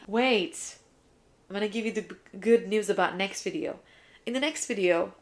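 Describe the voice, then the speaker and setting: A young Turkish woman, a native Turkish speaker, hosts a vlog as an English teacher, answering viewer questions in a casual, emphatic way. Her voice is medium-pitched and a bit bright, and she's chatty, a self-described yapper.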